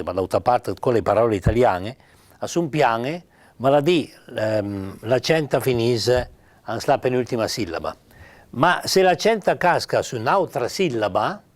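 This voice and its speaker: An older man with a Piedmontese accent giving an informal spoken lesson on spelling, halting with many pauses and fillers. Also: medium pitch. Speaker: writer teaching Piedmontese spelling.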